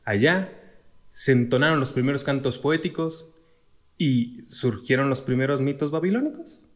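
A man's voice: mid-range voice, expressive, moderate pace. A man with a Mexican accent hosting a casual podcast, joking and reading a history intro. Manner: jokey, laughs often. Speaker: podcast host.

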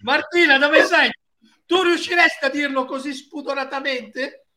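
A man's voice: very high-pitched, moderate pace, bright, forceful tone. A man hosting a casual live talk show, teasing and prodding his guests.

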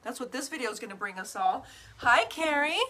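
An online group host and business coach livestreams to viewers, effusive, theatrical and bubbly, greeting them with whoops and pet names, swearing casually and checking in with "right?" and "okay?". Her voice is a little high, expressive, bright and forceful, delivered briskly on a low-quality recording.

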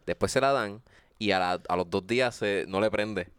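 A man's voice: fairly low pitch, normal speed, smooth, no room sound. A man with a Puerto Rican accent, chatting casually on a podcast and telling a long story with acted quotes and plenty of swearing. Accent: Puerto Rican Spanish. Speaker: podcast co-host.

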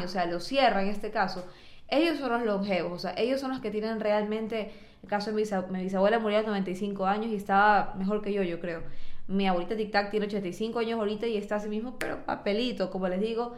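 A woman's voice: medium pitch, roomy sound. A young adult woman hosting a nutrition podcast, talking in an upbeat, chatty and affectionate way. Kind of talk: casual podcast talk.

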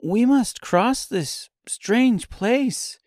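A man's voice: animated, drawn-out words, no room sound, studio quality, full character voice. A man voicing a polite, earnest young girl in a storybook reading. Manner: high, gentle girlish voice.

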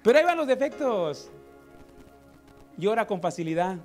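Man, high voice, animated preacher, faint music behind. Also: moderate pace. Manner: animated, acts out everyday scenes, calls listeners brother. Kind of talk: lively sermon.

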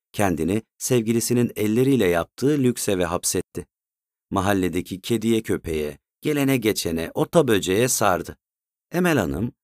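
A male storyteller reads a written story in a steady, measured way. His voice sits low. The recording is dry and close, with no room echo. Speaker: narrator. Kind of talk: scripted story narration.

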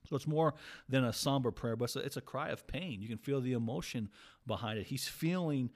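A male Bible teacher with a medium-pitched, brisk voice walks through a psalm in a casual Bible study chat. He speaks earnestly and informally, restarting his sentences many times.

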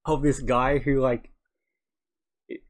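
A man's voice: medium pitch, little pitch movement, slow. A tired young man co-hosting a podcast, rambling through stories in casual chat and laughing at his own jokes. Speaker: podcast co-host.

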